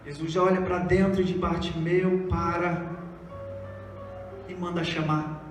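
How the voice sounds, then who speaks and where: A man's voice: fairly high pitch, flat delivery, slow, soft background music. A man preaching a sermon, dramatic, acting out the voices of the people in the story. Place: church hall. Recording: echoey church hall from far off.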